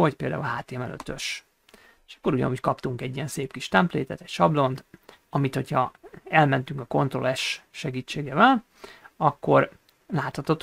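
A man teaching a coding tutorial over a screen recording, explaining each step and pausing often on hesitation sounds. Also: medium pitch, vocal fry, no room sound. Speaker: programming instructor.

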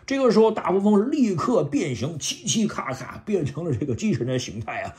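A man hosting a video, casually retelling a comic story with a chatty, lively delivery. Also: high voice, fairly quick. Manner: lively, chatty, acts out lines. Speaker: host retelling a manga.

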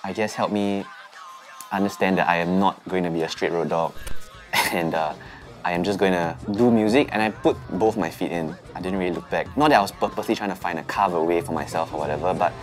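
A young man with a very low voice talks through his past in a documentary interview. He is loose and reflective, with casual fillers, and a clear music bed plays under him. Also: fairly quick. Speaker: band musician.

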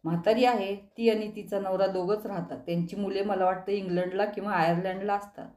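Woman voicing rattled anxious man, urgent explaining, audiobook figure, mellow, echoey. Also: medium pitch, steady tone, a little fast, natural voice. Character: anxious man revealing troubling news.

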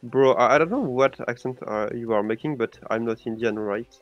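A man's voice: medium pitch, no room sound, lo-fi sound, faint music behind. A man on a podcast, stammering as he questions and breaks down a game's moves. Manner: stammering, quick to question plays. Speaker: podcast guest. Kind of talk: casual gaming commentary.

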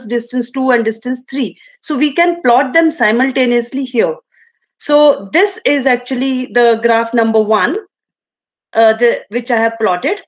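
A woman with an Indian accent giving an online lecture with a screen demonstration, explaining in a halting way over a video call. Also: on the high side. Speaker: resource person, lecturer. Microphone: video call from computer.

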